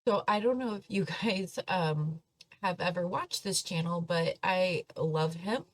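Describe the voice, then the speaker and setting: A woman's voice: fairly low pitch, measured pace, no echo. A woman hosting a commentary channel, chatty and dismissive. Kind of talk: casual commentary.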